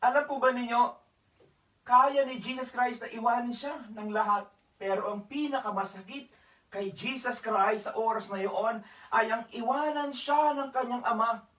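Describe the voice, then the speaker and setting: A man's voice: extremely high pitch, normal speed, a bit bright, reverberant, far from the mic, low-quality recording. A man pastor preaching a church sermon, speaking politely and mixing in English phrases, sometimes raising his voice for emphasis. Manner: raises his voice for emphasis at times.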